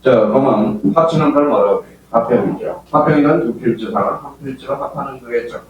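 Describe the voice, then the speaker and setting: A man's voice: medium pitch, brisk, recorded from a distance, lo-fi sound. An older man with a Gyeongsang accent gives a classroom lecture to exam students, constantly quizzing them with questions. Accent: Gyeongsang Korean. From Gyeongsang region, Korea. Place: lecture hall with live students. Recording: very echoey hall, voice heard from afar, faint hum.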